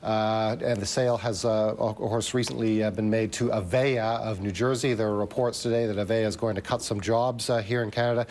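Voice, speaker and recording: Male business reporter, low voice, halting live delivery, slight background rumble. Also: fairly even intonation, darkish tone. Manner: halting, many filler pauses.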